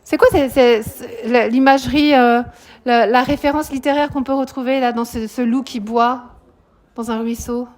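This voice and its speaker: A woman, a high school French teacher, explaining a poem to her students in a live classroom, questioning them often and adding "hein" to her sentences. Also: steady tone, moderate pace.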